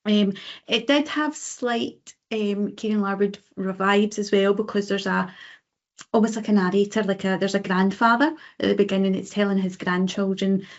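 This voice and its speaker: A woman's voice: medium pitch, fairly even intonation, normal speed. Chatty Scottish woman, slightly dull sound. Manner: chatty, frequent ums and uh-huhs. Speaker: podcast co-host. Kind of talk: casual book chat.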